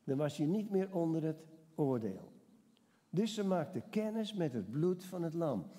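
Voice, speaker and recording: Male preacher, sermon style, mellow tone, long reverb of a church hall. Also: fairly high pitch, big pitch swings, unhurried. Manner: conversational, asks the congregation questions. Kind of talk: sermon with Bible reading.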